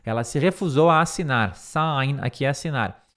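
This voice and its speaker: A middle-aged man teaching an English lesson, going through a speech line by line, repeating words slowly to model pronunciation and correcting himself as he thinks aloud. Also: medium pitch, a bit bright.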